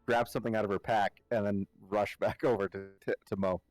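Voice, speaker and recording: A man playing a tabletop game and describing his character's actions in a giggly, animated way. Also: lowish voice, a little fast, no room sound. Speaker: player. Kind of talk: casual tabletop play.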